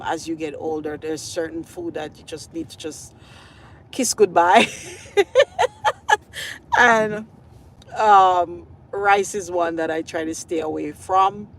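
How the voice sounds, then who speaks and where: A middle-aged woman hosts a live-stream, chatting to her viewers in an unhurried, rambling way, full of fillers and easy laughter. She is speaking outdoors, and faint traffic hums in the background. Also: lowish voice. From Jamaica. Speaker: food blogger host. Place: outdoors at a scenic lakeside.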